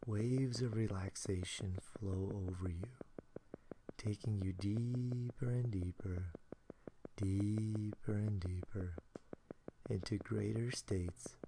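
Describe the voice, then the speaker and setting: A man softly whispering a soothing sleep hypnosis in a hushed, breathy way. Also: fairly low pitch, fairly even intonation, takes it slowly, background noise.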